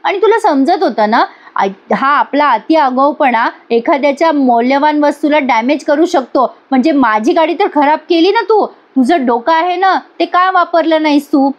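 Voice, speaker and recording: A woman's voice: high voice, expressive, normal speed, pitched above the performer's own voice. Woman doing an arrogant rich young man. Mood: reproachful. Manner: reproachful, lecturing. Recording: dull lo-fi recording.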